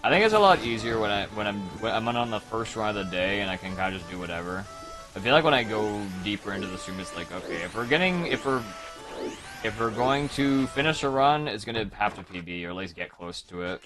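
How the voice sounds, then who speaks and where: A man's voice: fairly low pitch, expressive, fairly quick. A man streaming and chatting casually, rambling with many restarts and mocking himself. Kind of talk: casual chat. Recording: background music over the voice.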